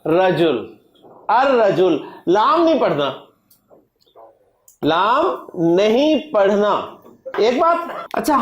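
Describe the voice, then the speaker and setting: A man's voice: high voice, fairly bright tone. Man lecturing in an echoey classroom. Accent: Pakistani Urdu. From Pakistan. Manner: explains slowly, drawing words out and often asking "right?". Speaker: Quranic Arabic teacher.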